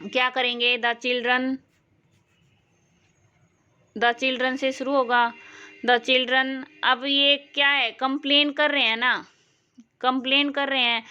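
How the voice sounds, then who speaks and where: A woman from Haryana leads an exam-prep lesson in a bright, clear, slightly high voice. She talks slowly and patiently, checking back with her students as she goes. The recording is a little dull and lo-fi. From Haryana, India. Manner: slow, explanatory, asks learners questions. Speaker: English teacher.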